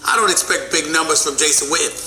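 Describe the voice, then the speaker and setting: A man's voice: on the high side, fast, sharp tone, reverberant, faint music behind. A man arguing as a sports commentator, emphatic and repeating himself to press his point. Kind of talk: heated sports debate.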